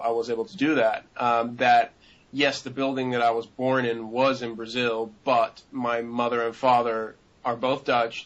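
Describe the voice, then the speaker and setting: A man's voice: medium pitch, poor audio. A man in his twenties answering interview questions in a rambling way, with many fillers and restarts.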